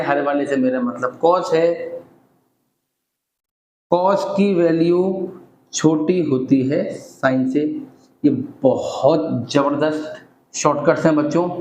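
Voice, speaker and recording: A man's voice: a little high, darkish tone, echoey room, a little hiss or hum, poor audio. A man teaching a maths lesson, explaining each step in turn and mixing Hindi with English terms. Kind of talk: classroom maths lecture.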